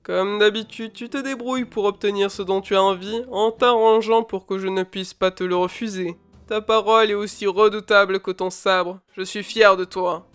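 A woman voicing a stern, fatherly older lord with a beard, speaking in a grave, measured way. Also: medium pitch, fairly even intonation, smooth, faint music behind, pitched below the performer's own voice, natural voice.

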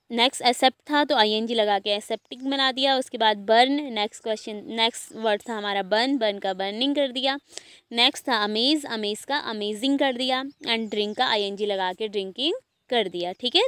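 A woman teaches an online class in a smooth, clear voice pitched a little high. She poses questions to her students and then answers them herself, one step at a time. The recording is dry and close. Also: fairly bright tone, no echo. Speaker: school teacher.

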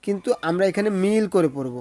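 A man teaches recitation in careful steps, spelling each letter and explaining patiently in a Bangladeshi Bengali accent. He recites words slowly, drawing them out in a sing-song style. The voice is high, expressive and warm, with no room sound.

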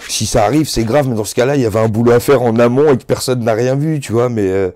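In a relaxed sit-down interview, a rapper guest in his thirties who isn't a native French speaker talks loosely with lots of slang and repeated "tu vois". He speaks fast at a medium pitch, a little mellow, on a dry recording.

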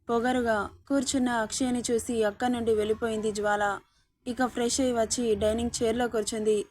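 A woman narrating a serialized romance story in a steady, even reading voice. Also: fairly high pitch.

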